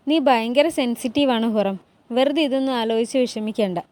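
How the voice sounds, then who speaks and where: A woman's voice: a little high, normal speed, darkish tone, natural voice. A woman voicing a caring royal princess in a drama recap, speaking her lines in a reassuring way.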